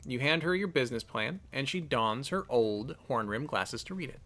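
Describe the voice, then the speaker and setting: A man with a bright, forceful mid-range voice and lively intonation reads a text game aloud at a moderate pace. He muses over his choices in a chatty let's-play narration full of casual commentary.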